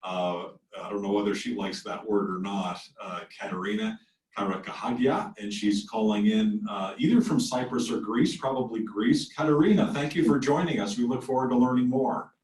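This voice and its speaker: A man's voice: fairly low pitch, normal speed, a little mellow. A man hosting a webinar, introducing guests in an enthusiastic, praising way. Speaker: webinar host. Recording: roomy, distant from the mic.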